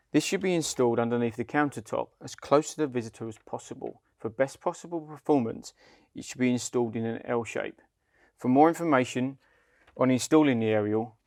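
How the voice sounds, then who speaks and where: Recorded at studio quality with no room sound, a medium-pitched man delivers a scripted instructional walkthrough of a product. As the company's head of client development and the instructor, he lays things out plainly, one step at a time.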